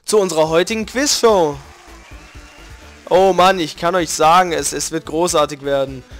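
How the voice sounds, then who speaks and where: A flamboyant male robot hosts a deadly quiz show in a video game, announcing every question with theatrical flair, voiced by a man. The voice sits fairly high for a man, with game music faintly underneath. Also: moderate pace, lightly acted. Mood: showy, menacing. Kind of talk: reading game dialogue aloud.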